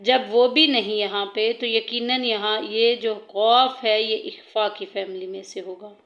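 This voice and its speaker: A woman teaching tajweed, patiently explaining each rule step by step between slow recited verses. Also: mid-range voice, steady tone, lo-fi sound.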